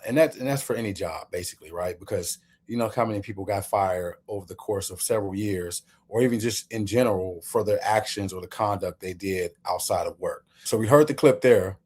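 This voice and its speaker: A man's voice: lowish voice, darkish tone, slightly rough. A male host giving opinion commentary, emphatic and walking the listener through his points step by step.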